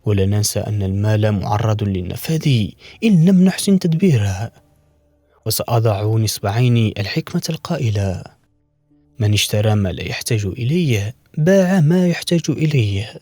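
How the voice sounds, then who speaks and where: Man, mellow dark tone, formal storytelling diction, bedtime folktale narration, faint music behind. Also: on the low side, very animated, normal speed. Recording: roomy echo with faint music. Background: faint background music.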